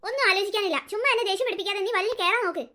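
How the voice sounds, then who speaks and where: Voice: extremely high pitch, rapid-fire, bright, forceful tone. A performer voicing a heartbroken, stubborn young man who sobs and insists on seeing his girlfriend. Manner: sobbing, pleading, insistent.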